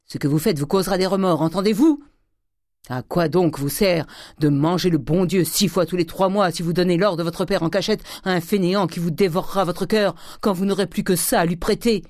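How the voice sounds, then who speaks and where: A blustering, tyrannical old miser of a father, scolding loudly in a voice pushed well above the woman reader's own low register. He barks and sneers at his family, his tone lively and forceful. The storybook reading is dry and close, with no room sound. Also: fairly quick, no echo, close to an everyday voice.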